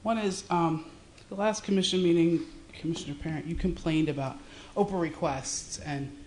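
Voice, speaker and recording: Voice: medium pitch, moderate pace, darkish tone, a little hiss or hum. A resident making pointed, confrontational public comment to a city commission. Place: council chamber. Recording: echoey meeting room.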